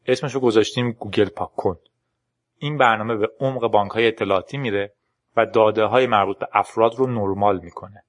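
A man reading a storybook's lines for a tense young woman programmer who urges a friend to flee, in an urgent, hurried manner. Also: fairly low pitch, fairly even intonation, muffled recording, natural voice. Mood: earnest.

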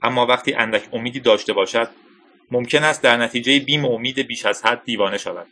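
A male narrator reads a thriller in an even, dramatic storytelling manner. His voice is bright and forceful, at a middle pitch. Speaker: audiobook narrator. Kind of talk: scripted narration.

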